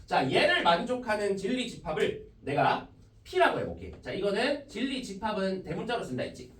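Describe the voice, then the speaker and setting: High, lively man teaching in an echoey classroom. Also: normal speed. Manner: starts nearly every phrase with "ja", explains step by step. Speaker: math teacher. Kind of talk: classroom lecture. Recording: echoey classroom, mic from a distance.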